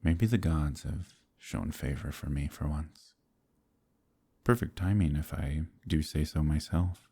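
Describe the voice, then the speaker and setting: A little slow and heavily acted, a man plays a gentle, troubled werewolf in romantic fantasy ASMR with a deep, husky voice. Soft-spoken, hesitant and formal in an old-fashioned way, he sounds warm and courting.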